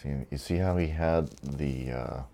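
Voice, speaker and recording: A man's voice: a bass voice, a little slow, creaky, dark tone. A tired man giving laid-back, rambling commentary over a strategy game, with frequent fillers. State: tired after being awake 23 hours. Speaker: gameplay commentator.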